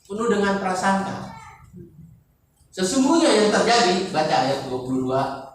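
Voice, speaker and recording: A man's voice: high-pitched, sing-song, measured pace. An older man preaching a sermon in a conversational way, asking the congregation rhetorical questions. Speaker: pastor. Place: church service. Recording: echoey church hall, distant mic.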